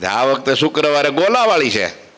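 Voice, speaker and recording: A man preaching, telling folk tales to children in an animated, joking style. His voice is bright and forward, pitched a little above the usual male range. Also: moderate pace. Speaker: preacher at a temple assembly. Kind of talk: humorous storytelling sermon to children.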